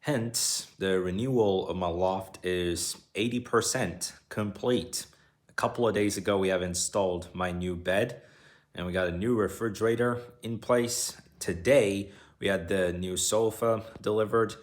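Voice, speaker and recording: A man's voice: deep voice, unhurried, no room sound. A young adult man vlogging in a rambling, casual way, narrating whatever is in front of him. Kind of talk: casual video diary chat. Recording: faint background ambient noise.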